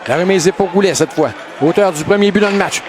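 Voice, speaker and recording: Over a very loud crowd and heavy noise, a man with a Quebec French accent delivers excited sports commentary. His voice sits high and rises into shouts as he follows the hockey play by play. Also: fast talker. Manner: excited, shouted calls of shots and goals. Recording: noisy arena, loud crowd behind. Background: loud crowd and rink noise.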